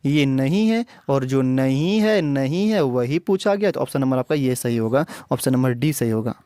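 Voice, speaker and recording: A man's voice: mid-range voice, expressive, normal speed, warm tone, no echo, studio quality. A man teaching an exam prep lesson online. He explains step by step, repeats key terms and often stops to check with the class. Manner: repetitive, explanatory, often checks with "theek hai".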